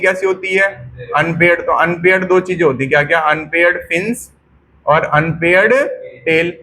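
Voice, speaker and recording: A man's voice: sits high, a bit bright. A man teaching biology with a raised voice. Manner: drills students with repeated questions and answers; slows down to dictate notes. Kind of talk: classroom lecture. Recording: faint background noise.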